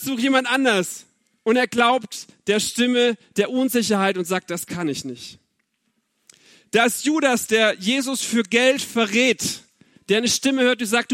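High-voiced man preaching earnestly. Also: a bit bright, no echo, studio quality. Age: 30s. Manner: earnest, personal, addressing the audience directly. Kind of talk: sermon.

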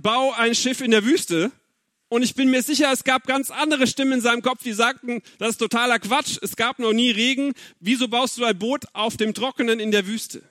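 A man's voice: extremely high pitch, fairly bright tone, dry recording, clean studio sound. A man in his thirties giving an earnest, personal sermon and speaking straight to his listeners. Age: 30s. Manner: earnest, personal, addressing the audience directly. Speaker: preacher.

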